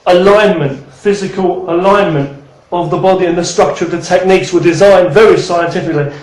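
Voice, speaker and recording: A man's voice: sits high, a little fast, reverberant, low-quality recording. A man in his thirties teaching martial arts in a rambling, casual way, swearing and then apologizing. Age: 30s.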